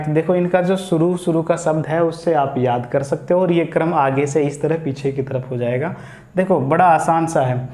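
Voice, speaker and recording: A man's voice: high-pitched, darkish tone. A man teaching biology step by step, repeating the key points. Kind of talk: classroom explanation. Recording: echoey room.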